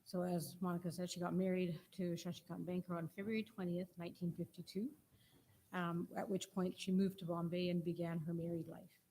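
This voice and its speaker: Halting older woman, lowish voice, some noise. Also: little pitch movement, mellow, rough recording. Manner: halting, personal asides. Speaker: family member giving a eulogy. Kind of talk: informal funeral eulogy. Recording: noticeable background noise.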